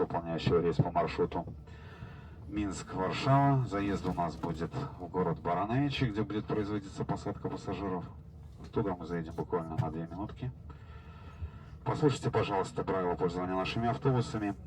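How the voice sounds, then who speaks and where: A low-voiced man reads passenger rules over a bus PA loudspeaker in a measured, official tone. His voice carries through a noisy moving bus cabin. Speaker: bus crew announcer. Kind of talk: formal passenger announcement.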